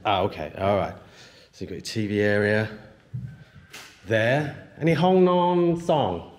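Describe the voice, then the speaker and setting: Walking through an empty, hard-floored house that's up for sale, a male vlogger muses aloud casually and tries out some broken Thai. He speaks in a lowish, darkish voice at a measured pace, and the bare rooms make the recording echoey.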